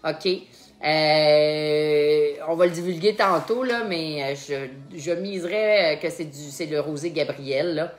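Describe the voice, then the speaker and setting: A woman's voice: deep voice, slow pace. Chatty Québécois woman sommelier. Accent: Québécois French. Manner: chatty, laughs often, repeats words while thinking. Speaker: sommelier hosting a tasting game. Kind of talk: casual live-streamed chat.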